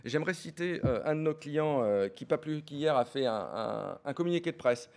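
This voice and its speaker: Middle-aged guy pitching his startup, quick, lots of "euh" and stutters. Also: expressive, vocal fry, darkish tone. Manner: fast, many fillers and repeated words. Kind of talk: business pitch.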